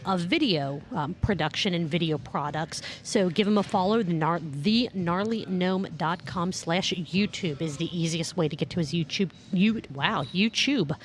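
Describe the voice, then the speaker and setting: A woman co-hosting a casual beer podcast, bubbly and teasing, rattling off plugs quickly. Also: on the low side. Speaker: podcast co-host. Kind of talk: casual chat over beers. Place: home room, drinking beer.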